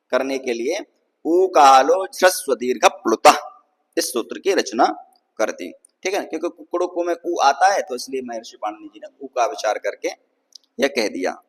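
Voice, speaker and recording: A man's voice: mid-range voice, long reverb tail, rough recording. A man teaching Sanskrit grammar in a patient lecture, often checking that students follow and drawing out vowels to show their length. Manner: patient, repeats "ठीक है ना" to check understanding. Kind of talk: explanatory lecture.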